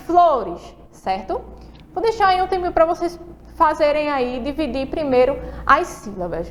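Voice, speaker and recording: A Brazilian woman teaching a lesson to young children, spelling things out slowly and checking in often with the class. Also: high-pitched, slight background noise. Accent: Brazilian Portuguese. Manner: slow, spelled-out letter-by-letter explanations with frequent check-ins. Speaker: primary school teacher.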